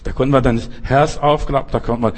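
A man's voice: medium pitch, fairly even intonation, a little fast, breathy edge. A man preaching a sermon, addressing listeners directly with many pointed rhetorical questions.

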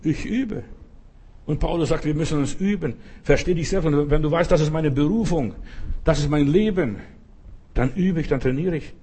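A man preaching with a husky, slightly breathy voice. He talks emphatically, repeats phrases for weight, and speaks straight to the listener. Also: fairly high pitch, moderate pace, warm tone. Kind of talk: sermon.

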